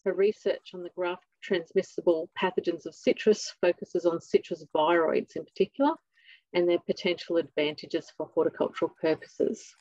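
A woman's voice: lowish voice, steady tone, moderate pace, a little mellow, no room sound. Australian woman chairing an online session. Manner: friendly, informal, with fillers. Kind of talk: online conference introduction. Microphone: video call. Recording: dull, dry lo-fi audio.

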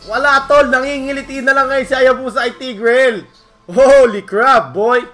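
A Filipino man casting a mobile esports final, mixing Tagalog and English and bursting into shouts at big plays. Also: extremely high pitch, fairly even intonation, normal speed, soft background music. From Philippines. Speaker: esports caster. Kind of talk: excited play-by-play commentary.

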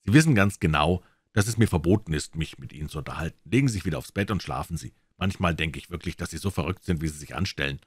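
A man's voice: low voice, expressive, fast talker, hardly any pauses, breathy edge, no room sound. A man doing a curt, weary prison guard. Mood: scolding. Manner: curt, scolding.

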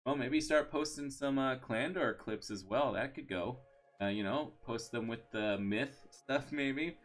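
A man's voice: medium pitch, measured pace. A man streaming live, chatting casually and thanking viewers, rambling with many fillers and restarts.

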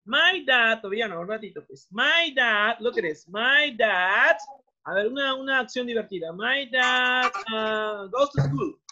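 A man's voice: very high voice, expressive, measured pace, sharp tone. A man whose first language is Spanish, teaching English to children over a video call, encouraging and repeating each phrase and then translating it. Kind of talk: online class, mixing English and Spanish. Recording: dull lo-fi video call audio.

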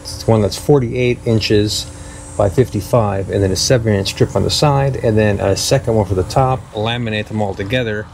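Creaky and a little mellow, this man's voice runs on the low side at a moderate pace, with slight background noise. He's a fifty-something hot rod builder and channel host, narrating his vlog casually in a dry, self-mocking way as he works in the garage and by the roadside.

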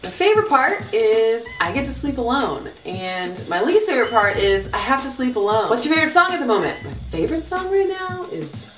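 A woman answers viewer questions in a casual vlog, with a sarcastic, blunt delivery and plenty of swearing. Her pitch jumps around expressively. The sound is roomy and distant, with music playing clearly behind her. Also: very animated, brisk, few pauses, a bit bright. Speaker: vlogger.

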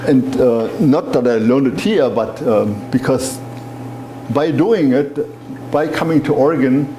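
Mellow older German-accented man, echoey room. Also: medium pitch, unhurried. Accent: strong German. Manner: rambling, often interjects "you know". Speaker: interviewee, wine merchant. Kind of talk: conversational oral history interview, reminiscing. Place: indoors, small wine bar. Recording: echoey room with faint background noise.

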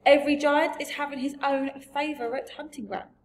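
A woman voicing a big, friendly male giant from a storybook, gentle and boastful, with muddled grammar and emphatic delivery. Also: high-pitched, fairly even intonation, normal speed, voice pushed up, natural voice. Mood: explaining. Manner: garbled grammar, invented words, emphatic. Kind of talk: storybook character voice.

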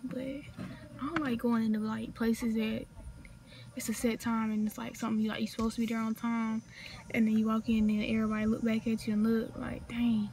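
A young woman in her late teens, from North Carolina, sits outside talking into her phone camera in a chatty, slang-heavy vlog that drifts between asides. Her voice is on the high side with a darkish tone and flat delivery, fairly quick, with slight background noise.

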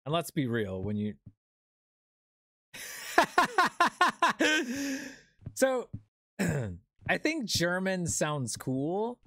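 Young adult streamer, casual gaming chat, rambling, unhurried, animated pitch. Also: no echo. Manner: rambling, many fillers and restarts. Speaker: streamer playing a horror game.

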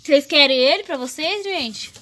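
A woman's voice: high voice, animated, moderate pace, pushed and bright, slight background noise. A young Brazilian woman with a Brazilian Portuguese accent, vlogging casually at home and chatting to her viewers. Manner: chatty, addressing viewers as "gente". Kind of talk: casual vlog chat.

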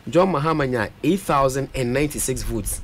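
Brisk and expressive, a young Ghanaian man speaks in a mid-range voice, with slight background noise audible. He's a parliamentary aspirant in a radio interview, mixing Twi with English and listing vote figures at a boom-mounted studio mic.

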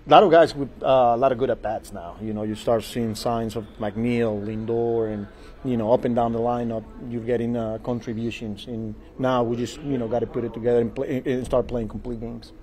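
A man in his forties, a baseball manager at a postgame press conference, speaking in a measured, halting way at a table mic in a small press room. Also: mid-range voice, fairly even intonation, dark tone, poor audio. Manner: measured, halting, repeats words and fillers. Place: small press room before a sponsor backdrop. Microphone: table mic in front of him.

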